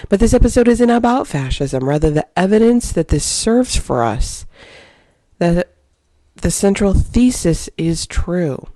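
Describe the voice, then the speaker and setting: Woman, podcast host, warm mellow tone, argues her points with emphasis, dry close-mic sound. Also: lowish voice, sing-song, measured pace, no room sound. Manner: opinionated, emphatic, argumentative. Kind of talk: solo opinion podcast monologue.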